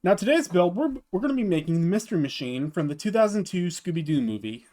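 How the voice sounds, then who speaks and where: Halting man narrating a game build. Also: sits high, big pitch swings, warm tone. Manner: halting, often restarts and repeats words. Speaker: gaming channel host. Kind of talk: casual game build tutorial voice-over.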